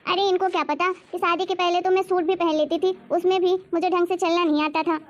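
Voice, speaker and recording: Worried new bride for a cartoon, high-pitched and anxious, played by a woman. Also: level tone, a little fast. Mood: fretting. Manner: complaining, anxious, muttering to herself. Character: newly married young bride, worried and fretful. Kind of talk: cartoon story voice acting.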